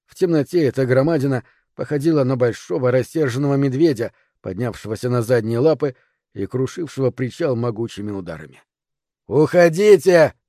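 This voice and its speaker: A man reading a first-person audiobook in a measured, even voice. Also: mid-range voice, no echo, studio quality. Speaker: audiobook narrator. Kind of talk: scripted first-person narration.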